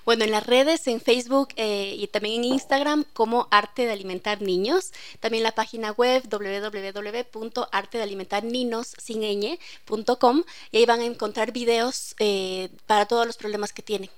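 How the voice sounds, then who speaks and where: A woman's voice: fairly high pitch, steady tone, normal speed, hardly any pauses. Earnest woman guest expert. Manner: earnest, reflective, frequent affirming murmurs. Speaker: guest expert on feeding children. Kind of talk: casual radio talk.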